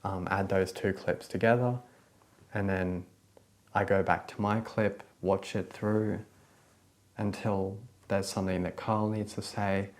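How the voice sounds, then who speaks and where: A man with a somewhat low voice chats casually as a co-host. He rambles along with plenty of fillers. He sounds relaxed and unscripted. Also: unhurried. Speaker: filmmaker and co-host. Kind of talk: casual chat.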